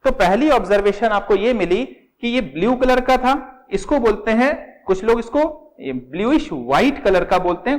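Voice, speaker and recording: High-voiced male chemistry teacher. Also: rough recording. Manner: explains step by step, calls students "beta", repeats key words. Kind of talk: classroom lecture at a whiteboard.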